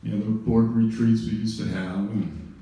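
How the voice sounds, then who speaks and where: A man's voice: lowish voice, fairly even intonation, moderate pace, warm tone. A middle-aged man giving an informal memorial speech, rambling with many fillers and wry jokes. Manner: rambling, full of "you know", wry jokes. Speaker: eulogy speaker. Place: large event room. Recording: very echoey room, distant mic.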